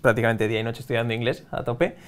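A man from Spain, a guest English teacher, talking fast in a relaxed interview with many fillers and restarts. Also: medium pitch, slight background noise. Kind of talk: conversational interview.

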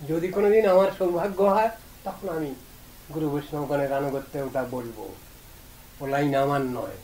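High-voiced man giving a devotional talk. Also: mellow, rough recording. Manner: earnest, reasoning aloud, slow chanted recitation of verses. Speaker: religious speaker. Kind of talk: devotional discourse.

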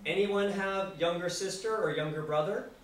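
A man giving a classroom lecture to students, lively and acting out examples as he explains. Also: high voice, normal speed. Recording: very echoey room, distant mic, background noise.

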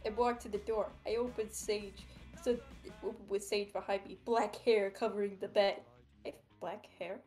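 A woman's voice: mid-range voice, level tone, moderate pace, darkish tone, faint music behind. Sarcastic woman reading a story on stream. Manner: sarcastic, swears freely, breaks off to joke. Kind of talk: reading a story aloud with casual commentary.

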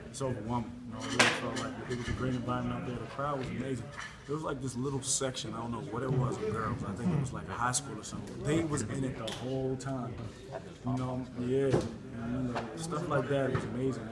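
A young male basketball player answering postgame questions in a crowded locker room, relaxed and often adding "man" and "you know". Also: mid-range voice, very noisy. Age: young adult. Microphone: reporters' recorders and camera mics held close. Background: loud crowd chatter.

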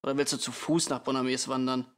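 A man reading a weary father who speaks quietly and calmly, turning sharp when pushed. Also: medium pitch, a little fast, natural voice. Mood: exasperated. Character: calm weary father, middle-aged man.

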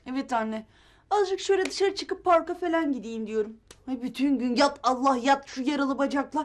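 A woman's voice: high voice, moderate pace, close to an everyday voice. A woman playing a sarcastic, restless daughter. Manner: sarcastic, exasperated. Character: witty, restless young woman stuck at home. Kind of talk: sitcom acting.

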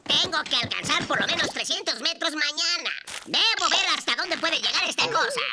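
A performer voicing a brash, mischievous and excitable cartoon woodpecker with a squeaky voice and cheeky, taunting delivery. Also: normal speed. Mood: excited. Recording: loud cartoon music behind.

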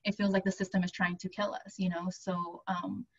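A woman's voice: lowish voice, little pitch movement, fairly quick, breathy edge. A woman speaking as a panelist on a video call from home, passionate and conversational. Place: home room, indoors. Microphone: webcam on video call. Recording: dull lo-fi call audio.

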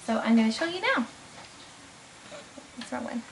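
A woman's voice: fairly high pitch, very animated, normal speed, noisy background. A woman from Canada filming her kids at home for a family vlog, speaking to them in an encouraging, praising way. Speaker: vlogger, mother.

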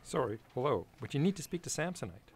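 A man's voice: mid-range voice, big pitch swings, quick pace, slightly rough. A man voicing an earnest, insistent 1960s office-worker puppet in a comedic parody. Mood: urgent.

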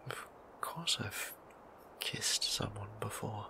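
This low-quality recording is an intimate ASMR roleplay in which a man voices a shy, gentle vampire priest centuries old. Breathy, whispery and low, he halts and stammers in a flustered way through genteel, old-fashioned wording, sounding embarrassed yet earnest.

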